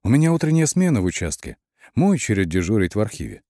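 A man's voice: on the low side, very animated, fast talker, mellow, no echo, studio quality. A man voicing a shy, polite young police clerk who sounds a little flustered.

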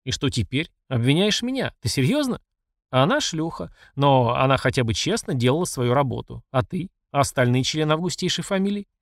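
A man's voice: mid-range voice, big pitch swings, a little fast, no echo, studio quality. A man voicing a furious middle-aged emperor who scolds and accuses his mother. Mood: angry. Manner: angry and accusing.

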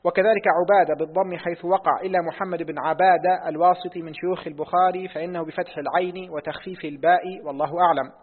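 A man's voice: high-pitched, fairly even intonation, slightly rough. A man reading a classical text aloud to his teacher in a lesson, repeating lines when asked. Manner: reads quickly, repeats lines on request. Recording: tinny phone-like audio in a reverberant hall.

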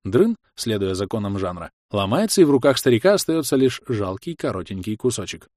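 A man's voice: lowish voice, very animated, fairly quick, darkish tone, no echo, studio quality. A man reading an audiobook in an ironic, dramatic storytelling manner. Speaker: audiobook narrator. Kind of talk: expressive audiobook narration.

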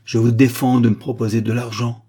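A man's voice: medium pitch, moderate pace, warm tone, breathy edge, lightly acted. A man voicing a bitter, grieving male doctor who lashes out indignantly, hammering each word. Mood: furious, contemptuous.

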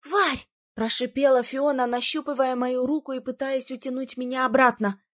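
A woman narrating a first-person fantasy audiobook in a dramatic, expressive reading. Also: high-pitched, brisk.

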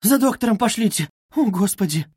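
Guy reading, doing a begging young girl, high urgent voice, dry sound. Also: animated, fairly quick, a little mellow, husky, no echo. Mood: pleading. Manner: pleading, urgent. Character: desperate young woman begging for help.

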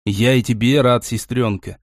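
A male narrator voicing a flustered young man, the student hero, in a lower, quieter tone. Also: steady tone, normal speed, dry recording, clean studio sound, lightly acted.

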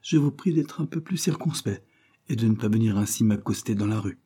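A man's voice: fairly low pitch, lively intonation, brisk, dark tone, slightly rough. A man voicing a cold, haughty young woman in an audiobook, speaking curtly and with icy superiority.

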